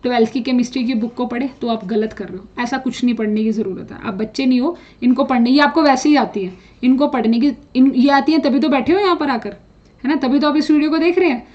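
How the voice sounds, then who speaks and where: High-voiced woman teacher, lo-fi. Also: fast. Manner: direct, scolding, mixes English phrases into speech. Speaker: chemistry teacher. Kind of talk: exam preparation advice to students. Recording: dull lo-fi sound.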